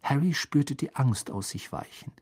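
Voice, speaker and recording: A man narrating a children's fantasy novel in a measured, expressive reading voice. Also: medium pitch, slightly rough. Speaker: audiobook narrator. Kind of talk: storybook narration.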